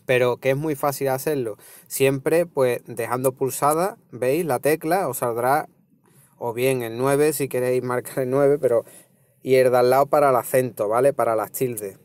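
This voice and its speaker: A man's voice: mid-range voice, normal speed, no echo. A man with a Spanish accent from Spain, hosting a casual tech tutorial and explaining step by step, checking in with his viewers as he goes. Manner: relaxed, explaining step by step with frequent "¿vale?" and "¿veis?". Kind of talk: casual screen-recorded tutorial.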